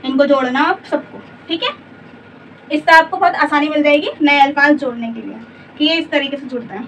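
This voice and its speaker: A woman's voice: sits high, a little fast, a bit bright. A woman teaching letters step by step, patient and repetitive, often asking simple check questions. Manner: patient, repeats letters and asks rhetorical checks. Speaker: Urdu teacher. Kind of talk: slow step-by-step letter lesson. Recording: distant mic, dull lo-fi sound, faint room noise.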